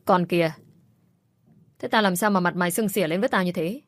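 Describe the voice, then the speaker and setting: A woman's voice: fairly low pitch, a little fast, dry recording, lightly acted. A woman voicing a bitter, nagging middle-aged mother-in-law who scolds and accuses, in a dry recording with faint music behind. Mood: scolding.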